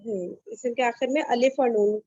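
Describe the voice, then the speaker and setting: Woman teacher, online call, high voice, gentle corrections, dull line. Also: no echo. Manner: corrects gently, mixes in English words. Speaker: online Arabic study group leader. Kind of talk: casual online class discussion. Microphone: video call.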